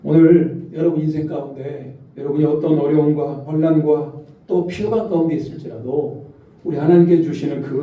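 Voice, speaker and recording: Man preaching a sermon, dark mellow tone, raised pitch, echoey church hall from far off. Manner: preaching with questions to the congregation. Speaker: pastor. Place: church sanctuary.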